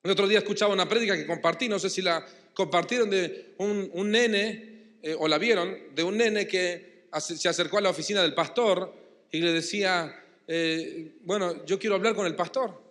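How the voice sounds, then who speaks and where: A pastor from Argentina with a Rioplatense Spanish accent, preaching emphatically and having the congregation repeat and answer. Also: male voice, high voice, moderate pace, a bit bright. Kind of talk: sermon. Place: church hall. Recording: long church-hall reverb.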